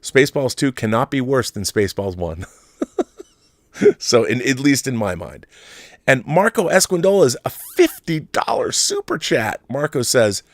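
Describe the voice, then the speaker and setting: Reading out comments and articles during a casual livestream, a man talks with a medium-pitched voice full of big pitch swings, at a moderate speed. He tosses in asides and repeats phrases to stress points. There's no room sound.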